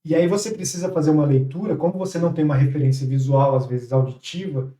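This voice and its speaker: Man, middle-aged, from Brazil, fast talker, slightly high, distant echoey recording. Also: steady tone, mellow. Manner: quick, explanatory, a bit hesitant. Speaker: podcast participant. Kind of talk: podcast conversation. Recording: roomy, off-mic podcast audio.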